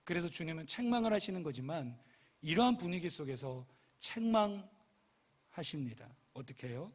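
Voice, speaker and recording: A middle-aged male pastor preaching a sermon in a church, animated, and at times acting out the voices of the people in his story. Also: a little high, normal speed. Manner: animated, acts out playful voices of the figures in the story. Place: church sanctuary.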